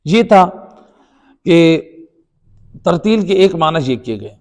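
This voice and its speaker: In a long, reverberant hall, a man lectures on the Quran with a Pakistani Urdu accent, asking rhetorical questions and going over points again. He speaks high-pitched with big swings in pitch and a darkish tone.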